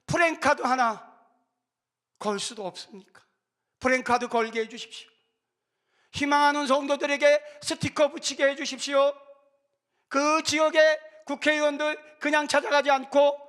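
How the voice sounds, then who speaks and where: A man in his fifties delivers an urgent, impassioned church talk. His voice sits high and sounds forceful and tense. He pleads with fervor. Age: 50s. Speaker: film director giving a church talk. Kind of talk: impassioned exhortation.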